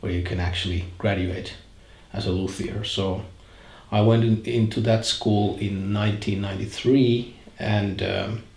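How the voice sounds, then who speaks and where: A man in his forties with a Finnish accent, a guitar maker answering interview questions in a reflective way, often pausing to search for words. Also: on the low side, steady tone, creaky, a little mellow. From northern Finland. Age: 40s. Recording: roomy echo.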